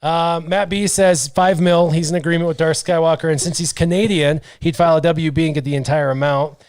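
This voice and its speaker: His voice is fairly high and brisk, with a clean tone and no echo: a man in his thirties hosting a podcast. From a small brick-walled studio, on a headset and studio mic, he chats casually and relaxes into reading viewer comments.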